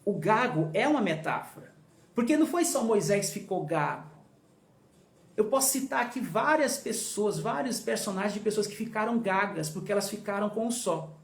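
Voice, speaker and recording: A man's voice: sits high, lively intonation, moderate pace, creaky. A man leading an informal Bible study, who stresses points by repeating them and talks straight to his listeners. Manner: emphatic, repeats key phrases, addresses listeners directly. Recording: roomy echo.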